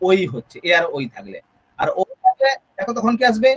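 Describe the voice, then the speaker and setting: A man's voice: sits high, wildly swooping pitch, brisk, a bit bright, husky, dull audio. A man with a Bengali accent teaching a Sanskrit grammar lesson, explaining step by step and checking in with students through frequent questions. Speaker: Sanskrit tutor. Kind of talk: exam-prep grammar lesson.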